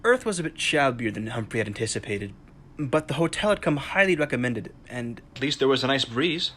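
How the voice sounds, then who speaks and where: A man's voice: mid-range voice, expressive, fairly quick, pushed and bright. A man narrating a comic tale as a droll, mild storybook narrator, wry and understated. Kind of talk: scripted narration. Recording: faint background noise.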